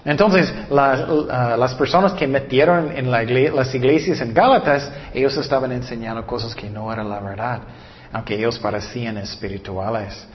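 A man preaching a sermon in an animated way, stumbling over some words and acting out the people he quotes. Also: mid-range voice, normal speed. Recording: echoey hall, dull lo-fi sound.

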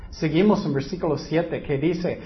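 A man's voice: on the high side, moderate pace, highs cut off, slight background noise. A man preaching a sermon, teaching earnestly and asking his listeners rhetorical questions.

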